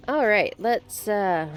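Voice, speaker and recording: A woman streaming a video game, hoarse and nasal from blocked sinuses, chatting to viewers and reading in-game notes aloud. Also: medium pitch. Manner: chatty, self-deprecating asides to viewers.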